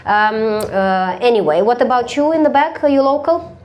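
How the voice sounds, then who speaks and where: Comedienne on a live stage, laughing often, quick jabs at the audience. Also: female voice, a little high, animated, darkish tone. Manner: blunt, teasing, laughs often. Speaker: stand-up comedian. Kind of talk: stand-up crowd work.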